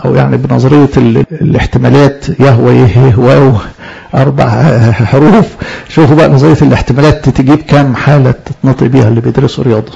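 A man with an Egyptian Arabic accent preaches a sermon, stressing his points and posing questions to listeners before answering them himself. His mid-range voice is steady, fast, creaky, warm, and a bit breathy, captured in a dull lo-fi recording.

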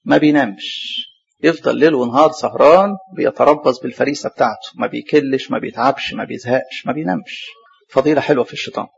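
An Egyptian preacher with a gravelly, medium-pitched voice talks fast through a sermon and Bible study lesson. He poses rhetorical questions and answers them himself, slowly spelling out and repeating difficult names, all on a dull lo-fi recording.

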